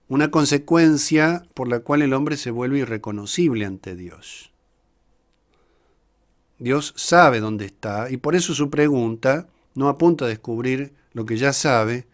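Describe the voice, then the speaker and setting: A priest teaches a Bible class at an unhurried pace. He speaks slowly and deliberately, pausing often as he reads out verses. His voice is of medium pitch. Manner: slow and deliberate, pausing often, reading quoted verses aloud. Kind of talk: slow reflective Bible lesson.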